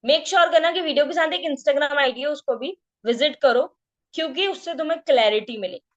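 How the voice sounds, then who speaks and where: High-voiced woman running an online sales training from home, lively rising and falling tone, a touch muffled. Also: fairly quick. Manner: lively, swings tone up and down on purpose; addresses listeners casually as guys. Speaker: network marketing trainer. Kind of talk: online team training meeting. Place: home at night, neighbors nearby. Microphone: online meeting call.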